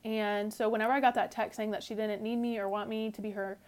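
A woman's voice: medium pitch, flat delivery, fast, a little mellow. A young woman hosting a podcast, talking in a casual, rambling way with lots of fillers and restarts. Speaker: podcast host. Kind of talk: casual storytelling monologue.

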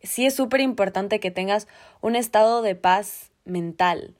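Young woman, podcast co-host, casual advice to listeners, mid pitch. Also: unhurried, a little mellow. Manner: gives advice straight to listeners. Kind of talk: casual chat.

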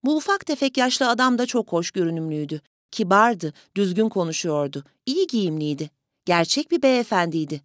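A woman reading a story aloud in an even, measured storytelling manner. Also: mid-range voice, no room sound, studio quality. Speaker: audiobook reader. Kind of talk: scripted story narration.

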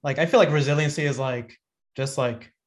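A man in his thirties, appearing as a podcast guest, talks casually in a reflective, rambling way, full of fillers and restarts. His voice is mid-range and his pace brisk.

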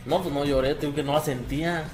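A man's voice: a little high, fairly even intonation, fast, over music. A man with a Mexican accent, telling a story in a casual podcast chat with many fillers and restarts. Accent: Mexican Spanish. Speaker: podcast guest.

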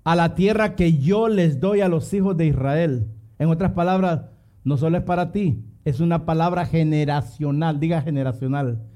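A man's voice: fairly high pitch, normal speed, mellow. A man preaching a fervent sermon, calling on his listeners to repeat phrases after him and dropping in English exclamations.

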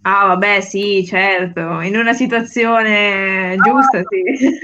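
A woman's voice: mid-range voice, slow, very noisy. A woman chatting casually as a guest on a talk show. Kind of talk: casual chat. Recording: slightly dull, muffled sound.

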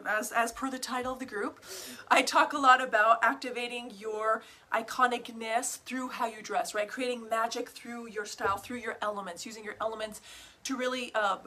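Running a livestream as a business coach and group host, a woman greets viewers with bubbly whoops and pet names, swears offhandedly and keeps asking "right?" and "okay?" in a theatrical, gushing style. Her pitch is fairly high and her tone sharp.

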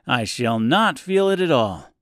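A man's voice: medium pitch, sing-song, a little slow, no room sound, studio quality. Tin Woodman, as a man puts on an earnest raised voice. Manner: earnest and loud. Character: sincere, polite man made of tin. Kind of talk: audiobook character voice.

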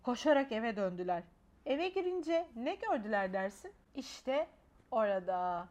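A woman's voice: fairly high pitch, sing-song, unhurried, a little mellow. A woman expressively reading a children's storybook aloud.

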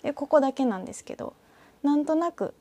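A woman from northern Osaka with a Kansai accent, talking alone in a rambling, reflective way and often trailing off into soft asides. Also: sits high, animated, quick pace, no echo. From northern Osaka, Japan. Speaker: podcaster. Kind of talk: casual solo talk with a short reading.

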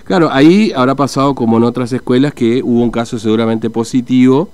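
A man's voice: medium pitch, brisk, a little mellow. Hesitant man interviewing. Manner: hesitant, many fillers and restarts. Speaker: radio interviewer. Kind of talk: conversational interview.

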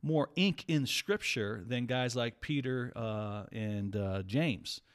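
A man's voice: mid-range voice, takes it slowly, smooth. A man talking casually and earnestly as a Bible teacher, walking through a psalm in conversation with many restarts. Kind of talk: casual Bible study chat.

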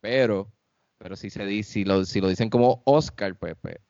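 A man's voice: on the low side, normal speed, gravelly, a little mellow, no room sound, lo-fi sound. A man co-hosting a podcast, rambling through stumbling explanations in casual chat. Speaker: podcast co-host.

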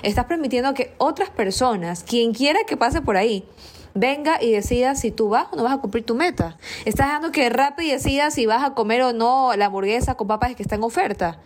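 A woman's voice: on the high side, lively intonation, a little fast. A woman in her thirties, a nutritionist, giving a motivational monologue full of rhetorical questions and mimicked excuses. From Latin America. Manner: emphatic, rhetorical questions, acts out patients' whiny excuses.

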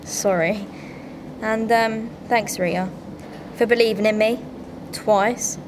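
An actress playing a sulky, sharp-tongued teenage girl solving a crime, sarcastic and offhand. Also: medium pitch, steady tone, takes it slowly, noisy background, natural voice. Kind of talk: radio drama acting.

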